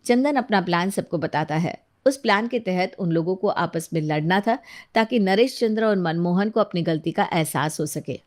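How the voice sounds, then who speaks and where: A woman narrating a moral cartoon story for children in a plain, even manner. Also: fairly low pitch, normal speed.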